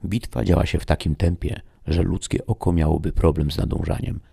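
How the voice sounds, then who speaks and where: A man narrating a sci-fi fantasy audiobook in a steady, dramatic storytelling manner. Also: deep voice, a little fast, gravelly, husky.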